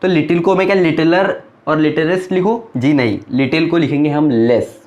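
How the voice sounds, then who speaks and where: A young man leads a grammar lesson at a board, his fairly high voice a little mellow and his speed normal, though the recording sounds muffled. In a patient, explaining manner, he keeps raising questions and resolving them on his own.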